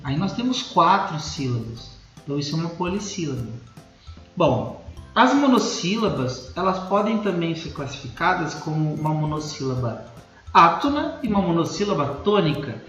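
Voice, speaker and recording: A man with a Brazilian Portuguese accent teaching a recorded school lesson, explaining slowly and repeating key points. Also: a little high, sing-song, fairly bright tone, roomy sound, dull audio, soft background music.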